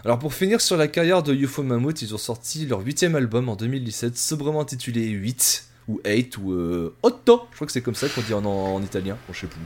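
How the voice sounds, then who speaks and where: A man's voice: mid-range voice, very animated, quick pace, few pauses, a little mellow. Rambling self-mocking male podcast host. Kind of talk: casual podcast music review.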